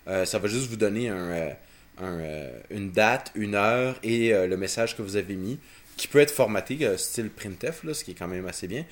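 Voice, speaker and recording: A man with a Quebec French accent and a somewhat low voice. He gives casual technical explanations as a co-host, in a halting way, often doubling back on his words. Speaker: podcast co-host.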